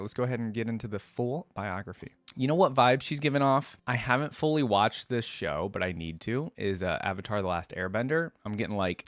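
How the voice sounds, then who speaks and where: A man with a lowish voice hosts a gaming reaction video, recorded with no echo. He shifts between casual, think-aloud commentary and reading text aloud conversationally.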